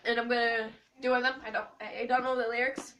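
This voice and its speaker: A woman's voice: fairly high pitch, little pitch movement, quick pace, a bit bright. A young, school-age female host talking to camera in a casual, rambling vlog, with a playful, silly, scattered manner. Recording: distant mic, noisy, clicks.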